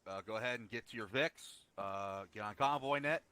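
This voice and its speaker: A man's voice: fairly low pitch, normal speed, bright, forceful tone, a little hiss or hum. A man talking casually to his squad in an online military game. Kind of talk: casual squad briefing chatter.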